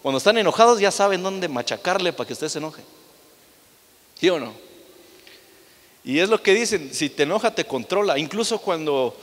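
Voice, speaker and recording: A young man preaching to his congregation in a lively way, tossing out rhetorical questions and acting out the people in his stories. His voice sits a bit high for a man. It rings out with the long reverb of a church hall. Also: normal speed, pauses often. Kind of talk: sermon.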